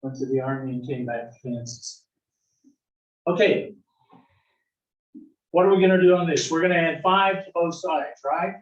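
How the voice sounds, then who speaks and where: Recorded muffled on a distant mic in an echoey classroom, a man from the south-central US teaches algebra at a normal pace, his voice on the high side and often pausing. He's folksy, loves a corny joke and often checks in with "right?".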